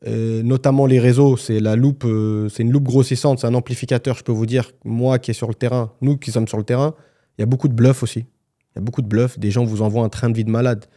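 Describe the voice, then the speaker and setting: A man's voice: mid-range voice, steady tone, fast talker, dark tone. A man co-hosting a casual podcast conversation, talking frankly and colloquially, with many restarts. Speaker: podcast co-host, property agent.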